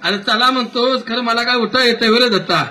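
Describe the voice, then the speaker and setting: A man voicing a frail, grumbling old village father who talks slowly and complains. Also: extremely high pitch, pushed and bright, slight background noise, heavily acted. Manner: slow, quavering complaints.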